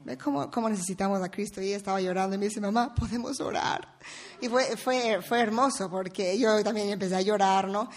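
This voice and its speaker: A mother telling a family story on a panel, halting often and adding little tag questions. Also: mid-range voice. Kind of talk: personal testimony.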